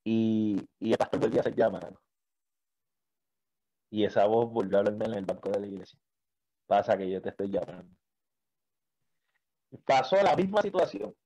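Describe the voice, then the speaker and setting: A man telling his faith testimony in an interview, acting out the dialogue with pauses and repeated words. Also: fairly low pitch, animated, dark tone, lo-fi sound.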